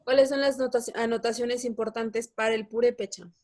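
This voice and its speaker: A woman's voice: a little high, fairly even intonation, a little fast, darkish tone. Patient woman teaching a language lesson. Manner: patient, explains step by step, checks understanding. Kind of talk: online lesson.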